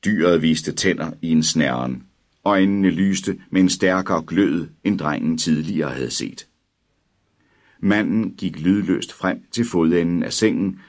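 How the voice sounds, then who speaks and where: A man narrating a dark audiobook story in a measured, dramatic way. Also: low voice.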